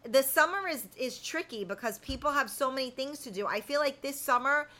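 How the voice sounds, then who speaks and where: Her voice sits high, with lively intonation, a brisk pace and a sharp tone. She's a woman in her fifties hosting a casual live chat, speaking to viewers bluntly and in everyday language.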